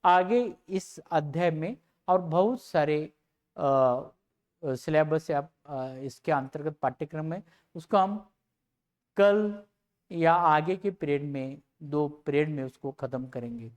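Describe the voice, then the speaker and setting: A teacher gives a recorded lecture to students, explaining slowly and repeating example words one at a time. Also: mid-range voice, a little mellow.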